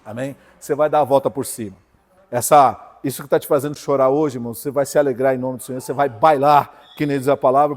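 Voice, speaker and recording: Emphatic Brazilian preacher in a reverberant church. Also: male voice, mid-range voice, a little mellow. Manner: emphatic, peppered with rhetorical questions to the congregation. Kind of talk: sermon. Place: church hall.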